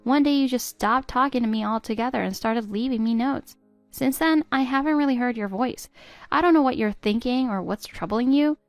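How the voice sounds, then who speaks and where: A woman voicing a patient, hurt middle-aged stepmother who pleads gently with her stepdaughter. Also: fairly high pitch, moderate pace, no echo, soft background music, lightly acted. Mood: pleading. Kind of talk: text-story voice acting.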